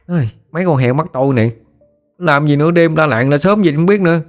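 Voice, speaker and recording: A man's voice: a little high, quick pace, soft background music, pitched above the performer's own voice, natural voice. A man doing a whiny, grumbling teenage boy.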